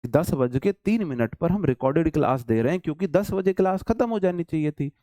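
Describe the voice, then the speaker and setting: Indian guy w hindi accent teaching english online, highish voice, dry close mic, teasing students. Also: expressive, fairly quick, mellow, no room sound. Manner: chatty, scolding students in a teasing tone. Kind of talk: online class lecture.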